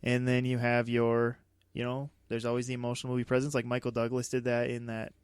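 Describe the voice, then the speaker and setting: A man's voice: medium pitch, monotone, quick pace, clear, resonant tone, dry recording. A man co-hosting a movie podcast, chatting casually and animatedly, often laughing as he talks. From Dakotas, United States. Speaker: podcast co-host. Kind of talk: casual chat.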